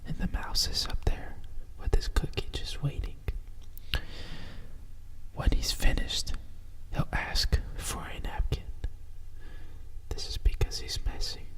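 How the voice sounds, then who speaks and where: A storyteller whispers a bedtime picture book softly and soothingly, right in the listener's ear, in an unhurried ASMR style. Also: distant mic, poor audio. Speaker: storyteller reading a picture book aloud with asides.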